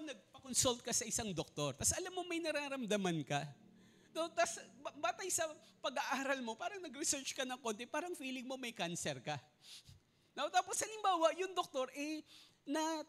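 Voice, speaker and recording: A man preaching a sermon as pastor, his voice sitting high and swinging up and down with lively animation. He addresses the congregation politely, checking in with frequent questions. He leads them in reading aloud together. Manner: polite, tags many lines with respectful particles and "no?".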